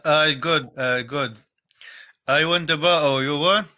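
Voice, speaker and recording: Brief: young man on a phone live stream, slightly high voice, slow, repetitive pleas in broken English. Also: bright, forceful tone, dull audio. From North Syria. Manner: repetitive, pleading, simple halting English. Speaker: livestreamer asking viewers for support. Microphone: phone in a live video call.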